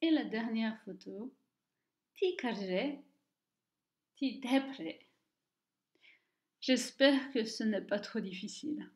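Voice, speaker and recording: A woman teaching Tibetan reading, speaking slowly and carefully and repeating each word twice for the listener. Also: fairly high pitch, lively intonation. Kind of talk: slow, deliberate language lesson. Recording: echoey room, dull lo-fi sound.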